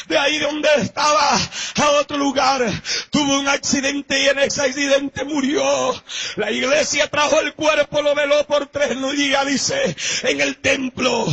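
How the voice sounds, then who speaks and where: A man preaching a fervent sermon at full cry. His voice sits very high and sounds bright and sharp, with a gravelly edge. He half shouts throughout, and sobs keep breaking into his voice.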